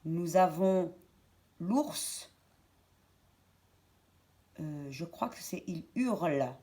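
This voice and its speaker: A woman teacher giving a lesson to young children, speaking slowly and clearly and repeating words and syllables. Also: lowish voice, expressive, warm tone.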